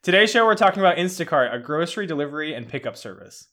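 A man hosts a casual podcast with a somewhat high, very bright, forward voice. He keeps things easygoing and relaxed, and often answers his co-host with short agreeing replies. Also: fast talker.

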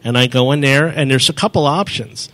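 Brisk and a bit bright, this medium-pitched male presenter walks an audience through a live demo at a meeting. Holding a handheld mic in the meeting room, he explains step by step, takes questions, and keeps correcting himself.

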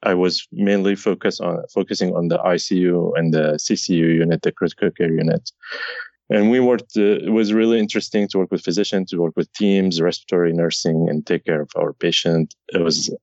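A man's voice: low-pitched, steady tone, a little fast, vocal fry, a little mellow, no echo, lo-fi sound. A man in his thirties from Syria, a guest on a podcast interview, talking earnestly and often restarting his sentences. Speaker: guest, informatics pharmacist.

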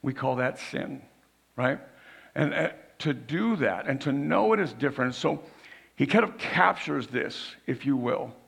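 A man preaching a sermon as a pastor, raspy and hoarse from losing his voice, explaining informally and often checking in with "right?". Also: mid-range voice, expressive, unhurried, fairly bright tone.

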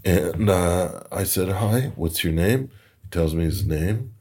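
A man's voice: low-pitched, expressive, slow pace, a little mellow, husky. A man, a podcast guest, telling anecdotes in a chatty way, chuckling and repeating words while he searches for them. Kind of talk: anecdotal storytelling. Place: Toronto.

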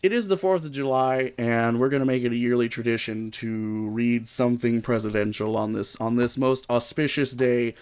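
A man's voice: medium pitch, steady tone, normal speed, hardly any pauses, a little mellow, clear, resonant tone. A man co-hosting a comedy podcast, reading a silly story aloud with wry, sweary asides. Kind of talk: casual comedic read-aloud.

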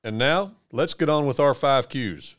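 A man from Kentucky hosting a scripted interview podcast in a measured, encouraging way. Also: mid-range voice, animated, over loud music. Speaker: podcast host.

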